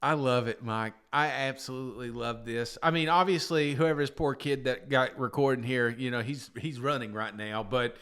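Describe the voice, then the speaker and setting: A man's voice: mid-range voice, fairly even intonation, moderate pace, hardly any pauses, fairly bright tone, clean tone. A man giving casual, emphatic sports commentary as an enthusiastic co-host who repeats himself for effect.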